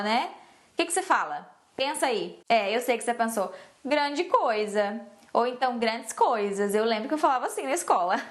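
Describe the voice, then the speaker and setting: A woman teaching English in a casual, playful way, acting out sarcastic example phrases. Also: high voice. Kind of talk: casual lesson to camera.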